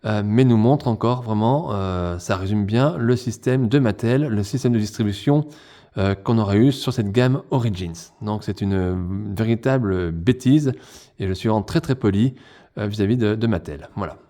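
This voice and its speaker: A man with a low, warm and mellow voice reviews a toy in a relaxed unboxing chat. He talks to his viewers directly, as if to friends, and keeps the tone easygoing. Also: normal speed. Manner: chatty, speaks straight to viewers as friends.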